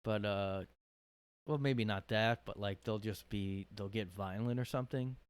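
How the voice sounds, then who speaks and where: Recording alone in his room, a podcast host speaks a little slowly in a low, clear and resonant voice. He sounds exhausted after a cold and wanders through his thoughts hesitantly, with many fillers.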